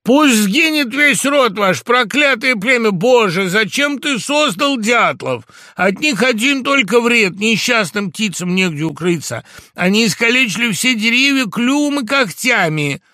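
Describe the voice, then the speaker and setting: A man voicing a crafty, flattering female fox in a storybook reading, sweet-talking and theatrical. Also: medium pitch, normal speed, gravelly, no echo, clean studio sound, full character voice. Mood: furious cursing. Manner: sweet, theatrical, falsely gushing.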